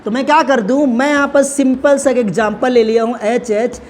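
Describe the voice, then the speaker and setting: A man's voice: very high-pitched, steady tone, moderate pace, slight background noise. A male chemistry teacher gives a classroom lecture at the board, explaining step by step and addressing students affectionately.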